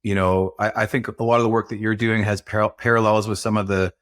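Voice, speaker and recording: A man's voice: fairly low pitch, flat delivery, a little fast, fairly bright tone, no echo, studio quality. A man hosting a podcast, reading an earnest scripted welcome and then chatting casually with his guest. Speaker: podcast host.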